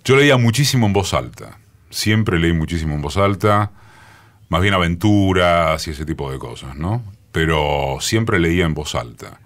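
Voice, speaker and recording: Man, 60s, Rioplatense accent, very low booming voice, unhurried storytelling, radio studio. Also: expressive. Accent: Rioplatense Spanish. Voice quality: booming, forceful deep voice. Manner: unhurried storytelling with many pauses. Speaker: radio journalist guest. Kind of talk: reminiscing interview talk.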